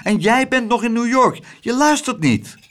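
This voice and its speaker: A man voicing an eager young boy who rattles on loudly. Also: on the high side, big pitch swings, moderate pace, voice pushed up. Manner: loud, rattling.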